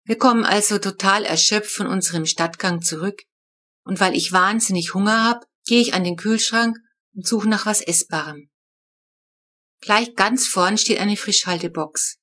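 A woman reading a children's storybook aloud, telling the story in a lively first-person voice. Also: mid-range voice, moderate pace. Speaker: audiobook reader.

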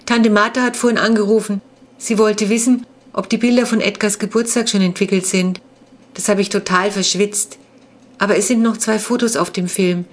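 Woman reader as a brisk, cheerful father; storybook read-aloud. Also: medium pitch, steady tone, close to an everyday voice. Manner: brisk and chatty.

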